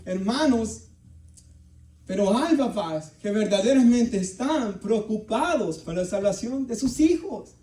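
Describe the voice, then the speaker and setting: A man's voice: high voice, expressive, measured pace, warm tone. Man preaching in an echoey church. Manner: earnest preaching, often calls out to the brothers. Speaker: pastor. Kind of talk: sermon. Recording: echoey room, mic at a distance.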